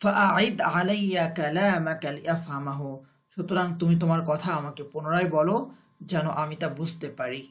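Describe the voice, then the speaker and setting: A man with a Bangladeshi Bengali accent teaching Arabic grammar in a recorded lesson, speaking slowly and deliberately and repeating each phrase before translating it. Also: fairly high pitch, a bit bright.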